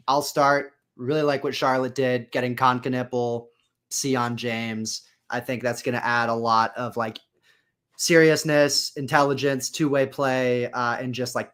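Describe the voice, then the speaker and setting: A man's voice: mid-range voice, fairly bright tone. Filler-heavy casual podcast man. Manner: rambling, filler-heavy, opinionated. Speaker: podcast co-host. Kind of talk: casual draft analysis on a livestream. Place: outdoors in city traffic.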